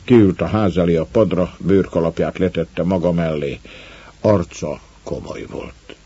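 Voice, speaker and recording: A man reading an audiobook narration in a slow, measured way. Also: low-pitched, dark tone, husky, no room sound, muffled recording.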